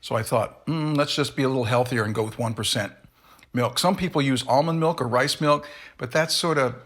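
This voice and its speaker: A man's voice: mid-range voice, fairly quick, fairly bright tone. A middle-aged man hosting a casual solo candy review, rambling and correcting himself as he talks and chews. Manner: rambling, self-correcting, talks while chewing. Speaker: candy reviewer, show host.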